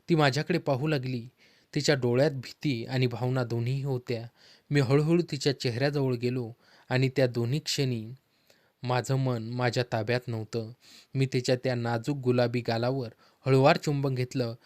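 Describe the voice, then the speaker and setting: A man narrates a heartfelt story in the first person, calm and steady, at a middle pitch. The voice sounds dry and close, with no room around it. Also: no room sound.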